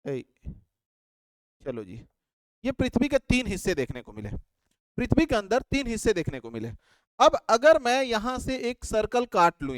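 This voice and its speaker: A man's voice: very high voice, dry recording. A man teaching at a board, asking questions and answering them himself, repeating key terms like a drill. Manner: drawing on a board while explaining. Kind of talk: whiteboard lecture.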